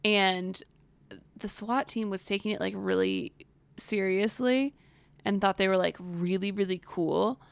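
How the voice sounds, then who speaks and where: A young woman co-hosting a podcast, telling stories in lively casual chat. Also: medium pitch, a little slow, vocal fry, no room sound. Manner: animated storyteller, breaks into loud chants. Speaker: podcast co-host.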